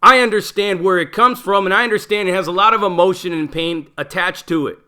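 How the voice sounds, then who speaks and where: A man's voice: sits high, fairly quick, bright, forceful tone, smooth. A middle-aged man, a former prisoner, talking bluntly in a casual monologue full of profanity and street slang. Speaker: channel host, former prisoner.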